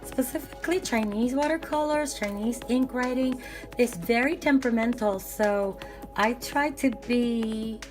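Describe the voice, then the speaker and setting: Raspy, worn-out woman rambling over music. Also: a little high, unhurried, a little mellow. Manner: rambling, hesitant, self-correcting. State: worn out, with bronchitis. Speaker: art supply vlogger. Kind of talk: casual unboxing chat, ASMR.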